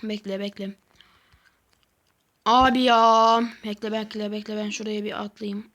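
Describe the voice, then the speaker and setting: A female gaming host talks to herself through a let's-play, excitable and easily irritated. She speaks at medium pitch and a measured pace, and the recording is muffled.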